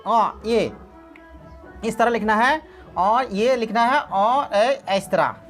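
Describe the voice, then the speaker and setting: A woman's voice: fairly high pitch, slow, faint music behind. A woman teaching a class of online students, repeating key words and asking the students questions. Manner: repetitive, asks rhetorical questions.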